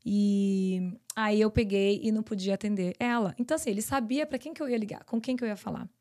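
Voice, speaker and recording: A Brazilian woman, a podcast guest, telling her personal story in an earnest, rapid flow. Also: medium pitch, darkish tone. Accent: Brazilian Portuguese. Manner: earnest, tells events in long rapid runs.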